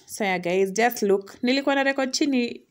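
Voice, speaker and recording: A young woman with a Kenyan accent narrating a casual vlog, chatty and quick to laugh. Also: a little high. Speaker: vlogger. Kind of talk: casual vlog voice-over mixing English and Swahili slang.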